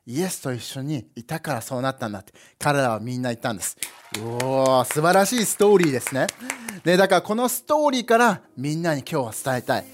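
A young man preaching a lively sermon, playful and animated, with sound effects and asides to the congregation. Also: a little high, quick pace. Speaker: pastor.

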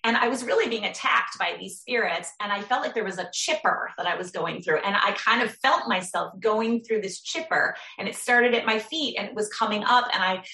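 Woman guest, earnest storyteller, halting delivery, bright tone, roomy echo. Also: medium pitch. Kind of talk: personal storytelling in an interview.

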